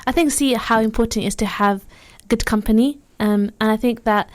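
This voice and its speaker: A young woman co-hosting a casual radio chat, reflective and supportive, with quick asides. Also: on the high side. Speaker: radio co-host.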